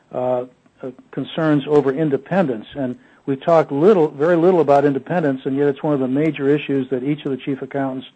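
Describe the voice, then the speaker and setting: A man giving an oral history interview, speaking with many fillers and restarts. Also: medium pitch. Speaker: interview guest. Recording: dull, muffled lo-fi audio.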